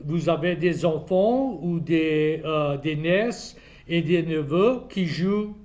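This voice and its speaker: A man's voice: a little high, takes it slowly, darkish tone. An older man with a Cajun French accent, hosting a casual, folksy interview. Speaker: programme host, interviewer.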